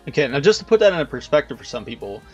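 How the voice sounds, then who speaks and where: A man's voice: on the high side, very animated, racing, slightly rough, dull audio, soft background music. A man hosting a casual video interview, chatting informally and wordily with some swearing. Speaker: host of a video channel.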